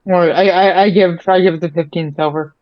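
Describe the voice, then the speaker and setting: Fairly low-pitched and steady at normal speed, a woman casually role-plays and narrates during a tabletop game, often hesitating and repeating words. The recording is dry and a little dull.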